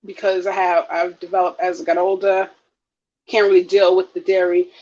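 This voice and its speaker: A woman's voice: fairly low pitch, flat delivery, normal speed, a little mellow, dull audio. A woman guest chatting loosely over a video call while her audio breaks up and cuts out. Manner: rambling, loose and chatty, with many fillers. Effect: call audio breaking up and cutting out. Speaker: guest on a cooking show. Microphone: remote video call.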